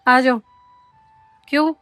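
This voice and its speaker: A woman's voice: sits high, fairly even intonation, slow pace, pushed and bright, soft background music. A mother filming a casual family vlog at home, firmly scolding her children and then chatting with viewers.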